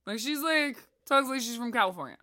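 Foul-mouthed woman cohost, lively pitch, dry close mic. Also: no echo. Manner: profane, animated, quick to joke. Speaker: podcast co-host. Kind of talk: crude casual chat.

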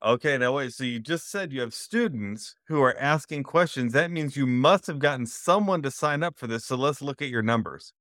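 A man's voice: mid-range voice, lively intonation, normal speed, few pauses, fairly bright tone, no echo, studio quality. A man hosting an interview over a video call, reacting with upbeat enthusiasm. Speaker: host. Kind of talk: casual interview chat.

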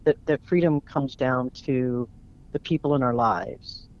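A man's voice: medium pitch, measured pace. A man, a guest author, reading his own short story aloud in an earnest, reflective spoken word style. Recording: dull lo-fi recording.

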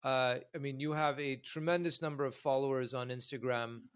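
A man's voice: mid-range voice, steady tone, a little fast, smooth. A man hosting a podcast, interviewing a guest in a friendly way with some hesitant restarts. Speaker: podcast host.

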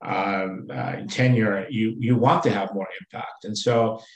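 Low-voiced man in a roomy space. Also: steady tone, vocal fry. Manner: halting, many fillers and restarts. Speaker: company executive guest. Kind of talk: business interview.

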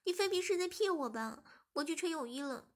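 A woman's voice: high-pitched, lively intonation, brisk, voice pushed up. A woman voicing a shy young wife who gets flustered and pleads easily.

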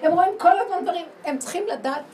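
A woman giving an animated religious lecture to a women's group, laughing often and putting emphatic questions to her listeners. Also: extremely high pitch. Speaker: spiritual teacher. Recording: roomy sound from far off, faint noise.

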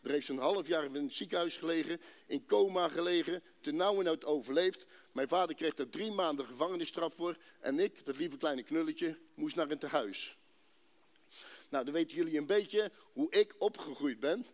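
A man from Rotterdam giving an emotional personal faith testimony to a congregation, telling his story dramatically and emphatically, with drawn-out pauses. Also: fairly high pitch. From Netherlands, Rotterdam.

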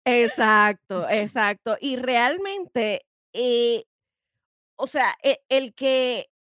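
A woman's voice: a little high, fairly bright tone, no room sound, studio quality. A woman co-hosting a podcast interview, agreeing eagerly and laughing easily.

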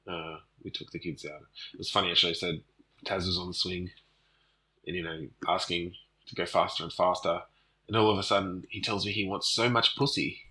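Bright-toned dad with a cold. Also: male voice, low voice, rough recording. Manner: chatty, jokey, loose storytelling with fillers. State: has a cold. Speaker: podcast co-host. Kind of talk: casual chat.

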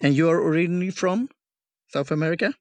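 A man hosting a podcast interview, talking haltingly and often stopping to search for words. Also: on the high side, darkish tone, no room sound. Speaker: podcast host. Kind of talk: casual interview.

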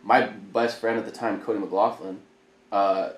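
A man from Idaho, a former Marine, telling his story as a podcast guest in a profane, animated way. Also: fairly low pitch, normal speed. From Idaho, United States. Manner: profane, animated storyteller who acts out quotes. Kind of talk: casual interview storytelling. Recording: echoey room, faint background noise.

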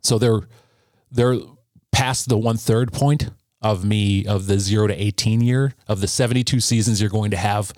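A man in his thirties, a podcast guest, telling a personal story in an earnest, halting way with frequent restarts. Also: on the low side, fairly even intonation, a little mellow, dry recording, clean studio sound.

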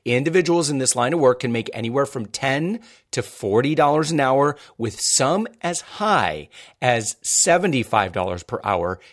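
Male podcast host, chatty and upbeat, rambling, mid pitch. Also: expressive, moderate pace. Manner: upbeat, rambling, many fillers. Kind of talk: casual podcast chat with promos.

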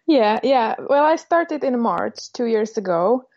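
A woman's voice: on the high side, animated, takes it slowly, a little mellow, lo-fi sound. A woman from the Czech Republic with a Czech accent, a native Czech speaker talking as a podcast guest, thoughtful and hesitant with many fillers. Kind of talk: casual podcast interview.

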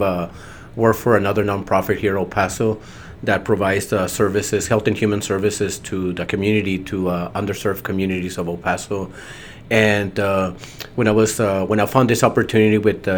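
A man introducing himself in a halting way with frequent fillers. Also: low voice, a little hiss or hum. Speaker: grant administrator. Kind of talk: personal introduction.

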